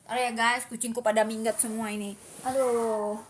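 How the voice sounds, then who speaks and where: A woman's voice: a little high, flat delivery, quick pace, fairly bright tone, slight background noise. Chatty woman rambling to her viewers. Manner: calls her cats in baby talk, calling herself Mami. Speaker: cat owner live-streaming. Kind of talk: casual live-stream chat.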